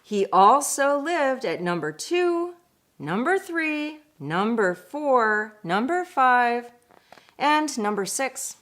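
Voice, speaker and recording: A woman reading a picture book aloud in an expressive, deliberate way, with chatty asides. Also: fairly high pitch. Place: indoors at home.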